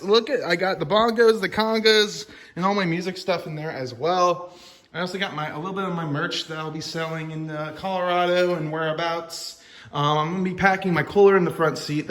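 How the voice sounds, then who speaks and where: A man from Ohio giving a casual, upbeat vlog walkthrough, his voice ringing with a reverberant garage echo. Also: on the high side. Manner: upbeat, rambling, excitable. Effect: echoey reverberant garage sound. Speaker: vlogger and podcaster. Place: home garage.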